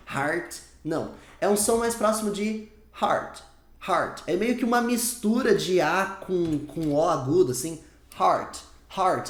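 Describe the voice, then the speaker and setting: A man teaching English in an online lesson, emphatic and repetitive, saying English example phrases slowly. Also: on the high side, echoey room.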